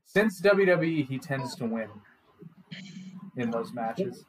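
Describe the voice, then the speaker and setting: A man's voice: mid-range voice, slow, a crowd in the background, low-quality recording. Joking man on a podcast. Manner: joking, animated, laughs often. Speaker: podcast co-host. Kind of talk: casual wrestling chat.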